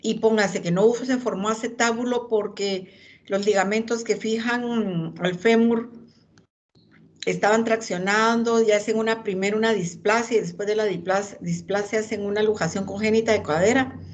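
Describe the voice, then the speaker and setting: A woman's voice: medium pitch, steady tone, moderate pace. A woman lecturing anatomy, pointing out images and calling on students by name.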